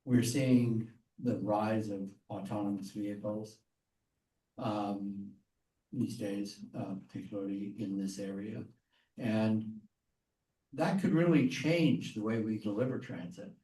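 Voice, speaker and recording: A man's voice: fairly low pitch, steady tone, warm tone. Older man on an echoey group video call. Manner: measured, hesitant, with frequent ums. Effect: heard over a group video call. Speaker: community member asking a question. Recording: distant, echoey call audio.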